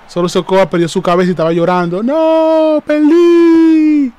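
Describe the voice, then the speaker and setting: A man hosting a live reaction stream, excitable and hyped, repeating phrases and calling out to his viewers. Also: high voice, racing.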